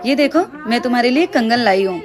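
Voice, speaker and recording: A woman playing an elder sister-in-law who flatters and fusses over the new bride. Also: on the high side, fast, close to an everyday voice. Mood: sweet. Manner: flattering and fussy. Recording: music playing behind.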